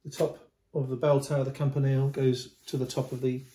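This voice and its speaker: A man's voice: mid-range voice, flat delivery, brisk, warm tone. A middle-aged man presenting a painting to camera in casual, unscripted commentary, often repeating words and restarting as he gestures at the canvas. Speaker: antiques dealer. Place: indoor room at home. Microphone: camera at close range. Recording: roomy echo.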